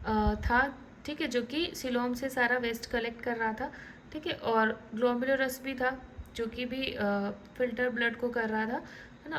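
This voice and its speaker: A woman teaching biology in a relaxed lecture style, often checking in with the class and restarting words as she explains diagrams. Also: high voice, a little hiss or hum, poor audio.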